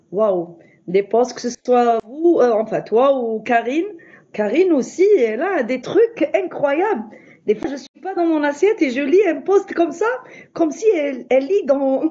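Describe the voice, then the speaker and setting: Woman w/ foreign accent in french, non-native, softish dark tone, hesitant, dull lo-fi audio. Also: fairly high pitch. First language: not French. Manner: hesitant, searching for words. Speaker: member of an online group. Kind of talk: casual heartfelt group talk.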